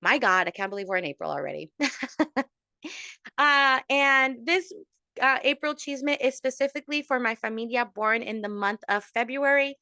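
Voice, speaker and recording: A woman's voice: fairly high pitch, expressive, brisk, bright, forceful tone, no room sound, clean studio sound. A woman giving a casual monthly tarot reading to her followers, chatty and full of fillers, sprinkling in Spanish endearments. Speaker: tarot reader.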